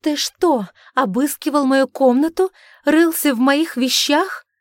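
A woman's voice: medium pitch, fairly even intonation, normal speed, dark tone, dry recording, clean studio sound, natural voice. Woman reading as a frightened, pleading young woman. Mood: frantic. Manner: pleading, tearful, whispering.

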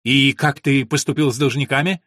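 An impatient young nobleman snaps out his demands with a quick temper, as a male reader puts him on. He sits at a middle pitch. The sound is dry and close. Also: fairly even intonation, fairly bright tone, dry recording, natural voice. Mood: demanding.

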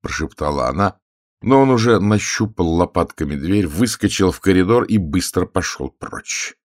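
A man reading an audiobook in a measured, even manner. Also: low-pitched, no room sound, clean studio sound. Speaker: audiobook reader. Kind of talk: audiobook narration.

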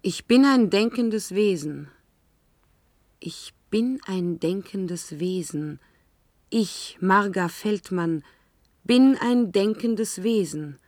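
In a German science-fiction radio drama, an actress voices an anguished, isolated young woman narrating her ordeal with deliberate, dramatic desperation and insistence. Her medium-pitched voice is expressive and a little mellow. The recording is dry with clean studio sound.

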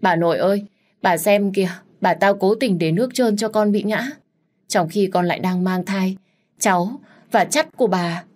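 A woman voicing a spoiled, scheming young pregnant woman who wails and accuses in a shrill, loud voice. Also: moderate pace, hardly any pauses, natural voice. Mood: whining.

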